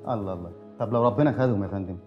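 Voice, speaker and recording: A man's voice: lowish voice, rapid-fire, lo-fi sound, soft background music, lightly acted. A man playing an eager deferential Egyptian officer. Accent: Egyptian Arabic. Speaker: subordinate police officer.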